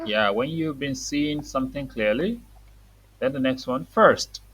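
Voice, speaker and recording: A woman's voice: a bass voice, animated, measured pace, a little hiss or hum. A woman teaching reading to a young child, saying words for the child to repeat and explaining them simply.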